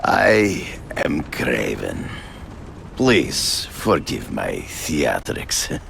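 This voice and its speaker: An actor playing a proud, menacing Russian hunter in a video game, speaking formally and theatrically in a Russian accent. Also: male voice, wildly swooping pitch, a bit bright, a little hiss or hum, heavily acted. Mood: grave, measured. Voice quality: deep, gravelly. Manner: formal, deliberate, grandiose. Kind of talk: video game character acting.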